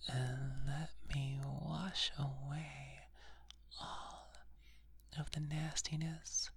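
Woman whispering softly, very slow. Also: a bass voice, little pitch movement. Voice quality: soft breathy whisper. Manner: slow, soothing, attentive. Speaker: ASMR performer. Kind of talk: whispered ASMR roleplay. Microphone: close sensitive microphone.

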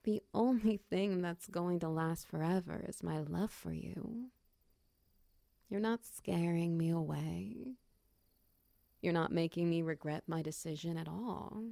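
A woman in a close-mic comfort roleplay, speaking softly and soothingly to a partner, slipping into whispers and guiding slow breathing counts. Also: on the low side, gravelly, no echo. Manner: soft, soothing, slips into whispers.

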